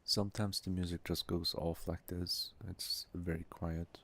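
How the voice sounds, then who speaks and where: A man's voice: sits low, level tone, unhurried, fairly bright tone. A man whose first language is Turkish, chatting casually with viewers while streaming a game and musing aloud.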